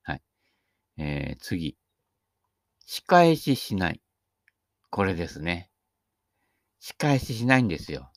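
Older man missing front teeth, animated pitch swings. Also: takes it slowly, pauses often, no room sound, clean studio sound. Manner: rambling, chatty, self-deprecating humor, frequent tag particles. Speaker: speaker giving talks on Buddhist sayings. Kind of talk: casual humorous monologue with commentary.

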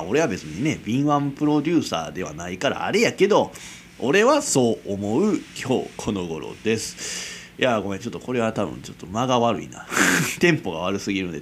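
A young man in his twenties with a Kansai accent, hosting a casual solo late-night radio-style chat, rambling and self-mocking with frequent chuckles. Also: fairly low pitch. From Kansai, Japan. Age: 20s. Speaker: amateur radio-style host.

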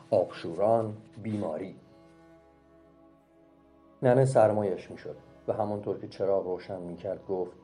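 A man reading a short story aloud as an audiobook narrator, calm and measured. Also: fairly low pitch. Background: faint music.

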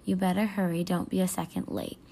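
A woman whispering as a raspy menacing phone caller. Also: on the low side, level tone, fairly quick, mellow. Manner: curt, threatening commands.

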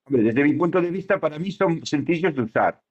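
A man's voice: fairly high pitch, expressive, fairly quick. A man co-hosting a podcast in casual chat, rambling with lots of fillers and restarts. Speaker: podcast co-host. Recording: dull lo-fi podcast audio.

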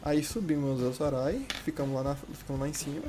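A man co-hosting a podcast, telling a story in a relaxed, rambling way. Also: a little high, brisk, over music. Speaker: podcast co-host. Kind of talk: casual storytelling chat.

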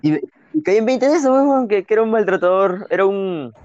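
A young man with a Peruvian accent, telling childhood stories in an animated, slangy way with frequent laughs, as a podcast co-host. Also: high-pitched, fairly quick, no room sound. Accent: Peruvian Spanish. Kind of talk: casual storytelling chat. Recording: dull, dry lo-fi recording.

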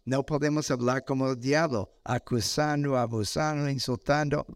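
An older man preaching a sermon with an animated, exhorting manner, acting out voices. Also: mid-range voice, normal speed, no echo, studio quality.

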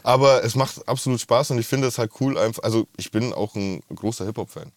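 A man's voice: medium pitch, a little fast, no room sound. Male musician, rolled R, casual interview talk, encouraging, dry recording. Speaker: musician, singer-songwriter guest.

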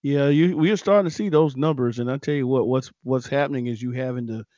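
A man hosting a political news podcast talks in a chatty, conversational way, addressing his listeners directly as he reads out results. His voice sits at a middle pitch and the recording is dry and dull, like lo-fi podcast audio. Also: fast, warm tone, no room sound. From South Carolina. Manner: chatty, addresses listeners as folks, many fillers. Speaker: podcast host.

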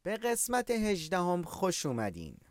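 A language teacher giving an online lesson who speaks warmly and fondly to the students and acts out the example phrases. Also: mid-range voice, huge pitch swings. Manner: affectionate toward students.

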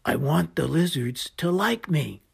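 Woman doing a fretful storybook hippo, slow and doubtful, husky and a bit gravelly. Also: sits low, expressive, exaggerated voice. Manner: worried and doubtful. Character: anxious hungry young male hippo.

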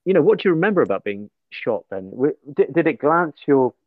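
A man's voice: fairly high pitch, very animated, no room sound. A man interviewing a veteran, giving short encouraging responses and follow-up questions. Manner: brief encouraging responses, quick to laugh. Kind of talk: oral history interview. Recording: tinny phone-like line, dry.

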